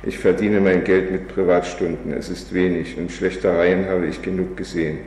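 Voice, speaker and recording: Man reading a bitter drunken old revolutionary, dark low voice, long hall reverb. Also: little pitch movement, normal speed, distant mic, lightly acted. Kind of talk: reading a play aloud. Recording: echoey hall, faint background noise.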